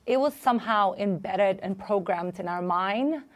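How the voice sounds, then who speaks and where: A woman's voice: medium pitch, normal speed. A woman from Albania, raised in New York, reflectively telling her life story as a podcast guest. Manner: reflective, speaks with fillers. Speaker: guest, business coach. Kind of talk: casual interview storytelling.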